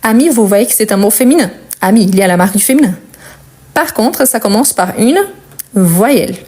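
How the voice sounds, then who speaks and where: A woman's voice: mid-range voice, animated, a little mellow, breathy edge. A young woman teaching French grammar, with Portuguese as her first language, explaining step by step and repeating key words. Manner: patient, explains step by step with pauses and repetition. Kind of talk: grammar lesson.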